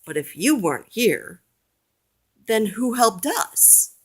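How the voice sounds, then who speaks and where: A woman's voice: medium pitch, very animated, moderate pace, fairly bright tone, pitched above the performer's own voice. A woman voicing a proud, cheerful male fire chief from a toy storybook, speaking in an upbeat, praising way.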